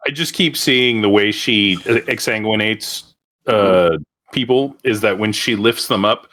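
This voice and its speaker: A man's voice: on the low side, unhurried, a bit bright. A man playing a tabletop game, talking casually and hesitating with fillers as he thinks aloud. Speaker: player.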